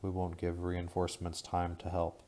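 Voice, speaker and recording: A man voicing a calm, cold male rebel leader who speaks quietly and evenly in an audiobook. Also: low voice, natural voice. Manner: quiet, measured, unhurried.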